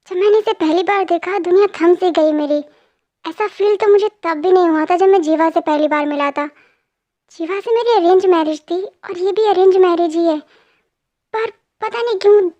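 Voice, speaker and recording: A high-voiced young woman playing a stubborn young husband in a homemade storybook reading. He bickers and teases with a bright, very high sound. The recording is dull and lo-fi. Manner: teasing, argumentative.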